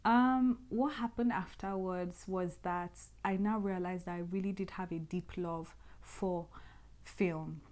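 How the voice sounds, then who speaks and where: A woman hosting her own podcast, telling personal stories in a lively, nostalgic way with many restarts. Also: fairly low pitch, unhurried. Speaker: podcast host. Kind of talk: personal storytelling monologue.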